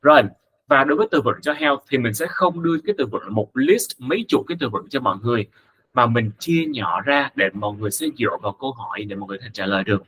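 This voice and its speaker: A man, a native Vietnamese speaker, teaching an English lesson, reading model phrases slowly and carefully between quick explanations. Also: medium pitch, animated, fairly bright tone, a little hiss or hum, poor audio. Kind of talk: casual spoken lesson.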